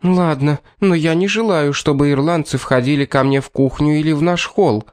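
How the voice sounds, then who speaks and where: A man voicing a shrill, panicky woman cook who grows indignant easily. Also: moderate pace, darkish tone, lightly acted.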